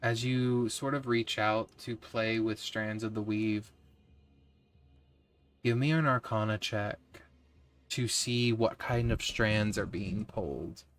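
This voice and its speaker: A man's voice: on the low side, fairly even intonation, slow. A man narrating as game master of a tabletop game, describing scenes in a descriptive, easygoing way.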